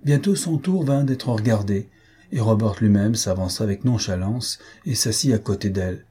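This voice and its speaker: A man narrates a classic novel at a measured, even pace. His voice is low, mellow and husky, with a breathy grain. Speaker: audiobook narrator.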